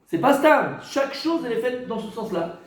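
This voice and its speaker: A man, a rabbi, teaching a class in lively style, often asking questions and answering them himself. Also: very high-pitched, a little fast. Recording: echoey room.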